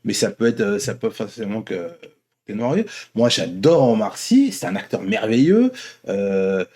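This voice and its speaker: Speaking a little slowly in a lowish, darkish, sing-song voice, a man runs an online opinion vlog. His unscripted monologue is casual and meandering, full of repeated and reworded phrases.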